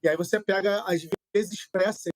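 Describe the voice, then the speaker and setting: A man's voice: sits high, steady tone, no echo. A male sports reporter giving a remote report while his video-call connection breaks up, so his words stutter and drop out. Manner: halting, repeated words as the audio drops out. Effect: choppy, stuttering unstable video-call connection. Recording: dry, dropping-out call audio.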